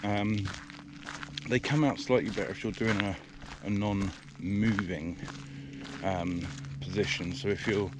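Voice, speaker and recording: A man's voice: on the low side, fairly even intonation, a little slow, background noise. A British man vlogging a camera review while walking in the countryside, a little out of breath, rambling with lots of fillers, recorded on the camera's own mic. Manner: rambling, hesitant, many fillers. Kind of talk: casual walking vlog. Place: outdoors in the countryside, walking by a river. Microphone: action camera's built-in mic.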